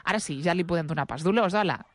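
Lady running a radio call-in, friendly, slightly low voice. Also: fast. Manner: friendly, moves between Spanish and Catalan. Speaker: radio host.

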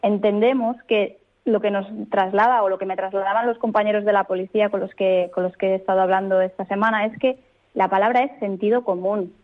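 A woman legal expert speaking as a radio guest, explaining rules in a clear, firm, methodical way. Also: mid-range voice, fairly even intonation, fairly quick. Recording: tinny phone line.

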